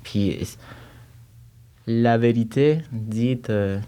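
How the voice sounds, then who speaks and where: A man's voice: mid-range voice, very slow, warm tone, smooth. A man from Cuba with a Cuban Spanish accent, speaking French as a second language in a studio interview, thoughtful and often restarting his phrases. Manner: thoughtful, searching for words with frequent restarts. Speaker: guest composer and choir director. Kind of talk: casual interview conversation. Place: recording studio.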